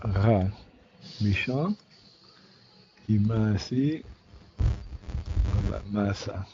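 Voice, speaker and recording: A man's voice: fairly low pitch, extremely slow, warm tone, lo-fi sound, a little hiss or hum. A man answering exercises in a lesson, hesitantly repeating words after his teacher. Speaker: student.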